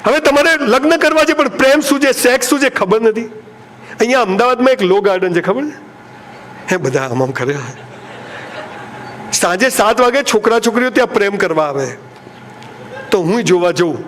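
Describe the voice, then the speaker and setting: A motivational speaker with a Gujarati accent addresses a seated audience live, joking and acting out lovers' lines in playful voices. His voice sits high and fairly bright, with lively intonation, a moderate pace and long pauses, over slight background noise.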